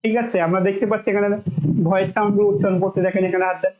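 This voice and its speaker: A woman from Bangladesh gives a spoken pronunciation lesson at a middle pitch. She demonstrates each sound slowly and repeats it several times for her students to copy. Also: level tone, echoey room, muffled recording. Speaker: English pronunciation teacher.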